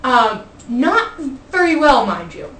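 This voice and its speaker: A woman's voice: high voice, sing-song, takes it slowly, fairly bright tone, slight background noise. A young adult woman informally telling a funny story to a group, rambling and giggly, breaking off for asides. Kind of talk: informal comic anecdote told to a live group. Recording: echoey room, distant mic.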